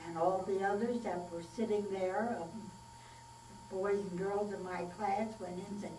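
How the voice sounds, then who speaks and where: A woman in her nineties, recalling her childhood in a slow, plainspoken oral history interview. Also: medium pitch, steady tone, warm tone. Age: 90s. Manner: unhurried, plainspoken storytelling with pauses and fillers. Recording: echoey room, distant mic, faint mains hum.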